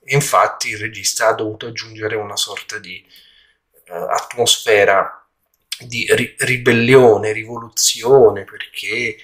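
A man with a fairly low voice reviews a film in an informal way. He talks haltingly, pausing to hunt for the right word. The room around him has a slight echo. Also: fairly even intonation, a bit bright. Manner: halting, searching for words. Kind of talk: casual spoken film review. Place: indoor room at home during a move.

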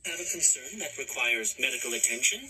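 A gentle healthcare robot speaks in an even-tempered robot voice, polite and formal. The tone is strikingly bright, and the pitch moves more than you'd expect from a machine. Faint music sits underneath. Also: a little fast, husky, full character voice, poor audio. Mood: calm helpful. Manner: flat, patient, formal speech.

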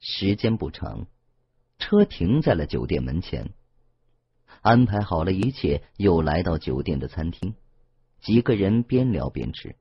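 一名男性有声小说演播者，用讲故事的方式朗读网络小说，录音音质发闷。. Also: male voice, deep voice, a little slow, breathy edge, no echo, muffled recording. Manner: steady, expressive storytelling. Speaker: audiobook narrator. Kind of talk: scripted audiobook narration.

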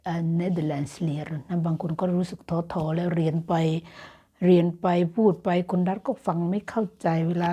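A woman's voice: lowish voice, steady tone, moderate pace, dark tone, husky. A Thai woman teaching Dutch grammar in a casual online lesson, explaining patiently and encouraging her students. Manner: encouraging and motivational.

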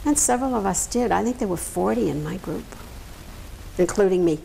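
An elderly woman from Massachusetts recounts her wartime service for an oral history interview. She tells her stories with life, slipping into the voices of the people she quotes. Her voice sits at a middle pitch over a faint hiss. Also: fairly quick, gravelly, poor audio. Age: older. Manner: lively storyteller, acts out quoted voices. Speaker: veteran interviewee.

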